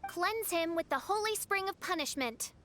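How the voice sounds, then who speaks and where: An actress voicing a theatrical, grandiose young princess type. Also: female voice, very high-pitched, animated, moderate pace, pushed and bright, slight background noise, heavily acted.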